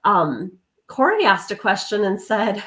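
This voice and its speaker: A woman hosts a casual spiritual podcast over a livestream video call, chatting with a guest and explaining terms to viewers. Her mid-range voice is fairly bright, unhurried and full of big pitch swings.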